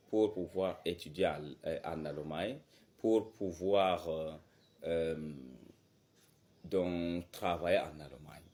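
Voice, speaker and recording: A man talks slowly and deliberately. He promotes a language centre and drills German greetings, repeating each phrase and lifting his pitch sharply to stress it. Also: darkish tone. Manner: slow, repetitive, drills phrases with exaggerated rising pitch. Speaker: German teacher. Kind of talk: promotional talk and German lesson.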